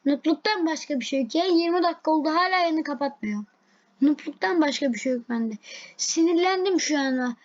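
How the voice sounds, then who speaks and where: A woman commenting live on her own gameplay, excitable and easily frustrated, repeating herself as she plays. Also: high-pitched, a little fast, highs cut off. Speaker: game streamer.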